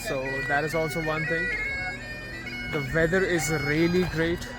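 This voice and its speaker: A man's voice: fairly high pitch, measured pace. A man casually narrating a travel vlog outdoors on a phone, his voice fuzzy and distorted by noise. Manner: plain, even guiding of viewers. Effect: fuzzy mic distortion from noise. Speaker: travel vlogger. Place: outdoors at a tour stop. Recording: distorted phone audio with bagpipe music. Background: bagpipe music playing.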